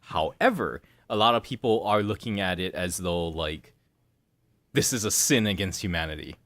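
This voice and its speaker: A young man co-hosting a casual gaming podcast, talking in an animated way, swearing and laughing often. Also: low voice, normal speed, no echo. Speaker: podcast co-host.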